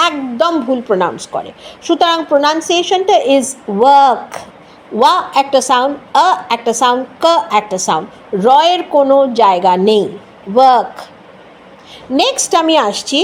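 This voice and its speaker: A woman with a Bengali accent teaching an English word, patiently repeating each sound and mixing English into her Bengali. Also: sits high. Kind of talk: explanatory lesson.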